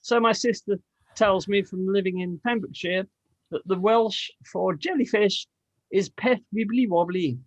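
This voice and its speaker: Chatty co-host man, high voice, dry close sound. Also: moderate pace, no echo, rough recording. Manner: chatty, explains science, laughs easily. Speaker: radio show co-host. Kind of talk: casual group chat. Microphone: video call.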